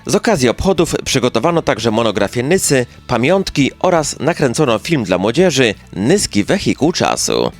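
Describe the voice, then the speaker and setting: Animated male news narrator over music. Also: mid-range voice, normal speed, few pauses. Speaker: newsreel narrator. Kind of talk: scripted local news narration. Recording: music bed behind the voice.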